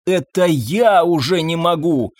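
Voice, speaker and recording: A man's voice: on the high side, sing-song, moderate pace, dry recording, studio quality. Man playing a scolding hard-edged woman. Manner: scolding, impatient. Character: sharp-tongued tough middle-aged barmaid woman.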